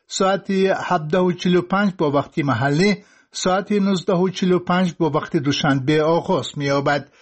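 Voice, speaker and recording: Husky male newsreader. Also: on the high side. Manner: formal, measured delivery. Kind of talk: scripted sports news reading.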